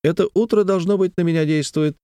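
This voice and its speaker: A man reading the part of a playful, talkative young nobleman in love, with a raised, animated and teasing delivery. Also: high-pitched, fast talker, no echo, studio quality, voice pushed up, lightly acted. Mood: playful, ardent.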